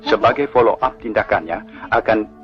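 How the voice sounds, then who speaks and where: A man from Indonesia reading an official statement in the formal, solemn, measured style of an old 1960s radio news bulletin, like a newsreel announcer. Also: fairly low pitch. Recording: muffled 1960s archival radio broadcast, music behind.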